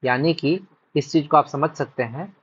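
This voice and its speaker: A man's voice: on the high side, moderate pace, husky. A male teacher, explaining a lesson step by step, repeating points and often asking whether students have understood. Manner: repetitive, checks understanding often. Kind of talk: whiteboard-style lesson explanation. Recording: dull lo-fi recording.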